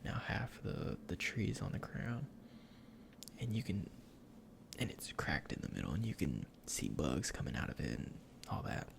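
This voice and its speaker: Man for whispered role-play, salesman part; hushed delivery, heavy vocal fry, casual explanatory patter. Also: deep voice, very animated, moderate pace. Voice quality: breathy whisper with gravelly creak. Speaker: ASMR performer playing a cologne salesman.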